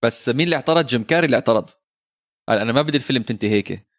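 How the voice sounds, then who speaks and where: A man co-hosting a casual film chat, relaxed, laughing easily and slipping English phrases in. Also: mid-range voice, rapid-fire, no room sound, clean studio sound. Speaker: podcast co-host.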